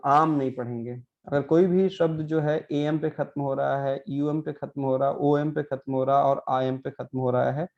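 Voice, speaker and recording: A man's voice: medium pitch, a little mellow, lo-fi sound. A man teaching a pronunciation lesson, patient and repetitive, often checking in with his students. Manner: patient, repeats words slowly and adds frequent "है ना" checks. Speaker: Portuguese language teacher.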